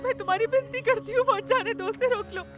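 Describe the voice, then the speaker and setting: Dub casting: a weeping, desperate mother, very high and strained, faint score behind. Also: fairly quick, music in the background. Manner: tearful, pleading. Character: anguished mother pleading for her sons. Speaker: dubbing voice actor. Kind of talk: Urdu film dub acting.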